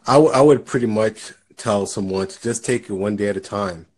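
A man's voice: lowish voice, brisk, darkish tone. A man talking earnestly in a casual conversation, giving encouragement and often repeating words as he starts a thought.

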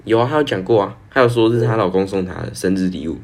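Teen boy, lowish voice, relaxed, short answers. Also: very fast. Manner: laid-back, brief replies. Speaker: podcast co-host. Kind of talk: casual chat.

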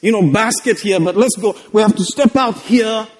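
A man's voice: sits high, moderate pace. A man with a Malayali Indian English accent preaching a sermon in a conversational, joking, exhorting manner, often calling for amens. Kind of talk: sermon to a congregation, exclamatory call-outs. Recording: echoey hall with long reverb.

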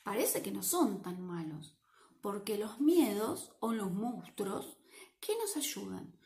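A woman with a Rioplatense Spanish accent reads a picture book aloud to children, playful and lively, often asking them questions. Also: mid-range voice, takes it slowly, echoey room. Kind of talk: animated read-aloud for children.

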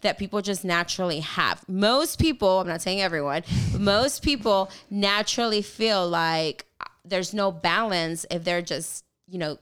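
A woman with a smooth, clear voice talks in a relaxed conversational way about her work as a photographer. She slips into acted-out voices when she quotes people, giving her talk an animated feel. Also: lowish voice, a little slow. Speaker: photographer and group organizer. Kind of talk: casual podcast-style chat.

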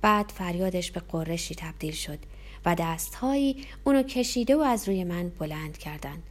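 A woman's voice: lowish voice, animated. A woman narrating a tense first-person story as an audiobook reader.

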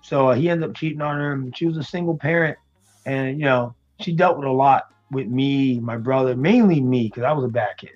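A man from the United States, raised in New York and Florida, talking as an interview guest in a relaxed, hesitant way with many ums. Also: mid-range voice, brisk, muffled recording, faint music behind. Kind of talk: casual interview chat.

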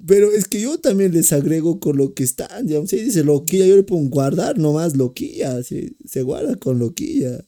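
Give me an animated man telling a story, voice a bit high. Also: moderate pace, few pauses. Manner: animated storyteller, voices himself and his partner. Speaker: podcast co-host. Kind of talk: casual chat.

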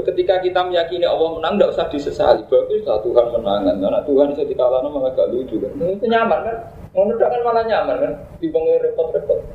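A man with a Javanese accent giving an informal religious lecture, joking with listeners and slowing down to recite Arabic verses. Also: fairly high pitch, mellow, roomy sound, highs cut off, a little hiss or hum. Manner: jokey, mixing Javanese chatter with slow Arabic recitation. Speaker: Islamic cleric teaching a classical text.

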